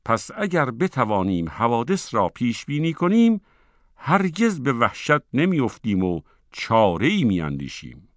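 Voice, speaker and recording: A man voicing a wise, calm and shrewd old male scholar in a storybook reading, in a measured, earnest way. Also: mid-range voice, dry recording. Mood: thoughtful.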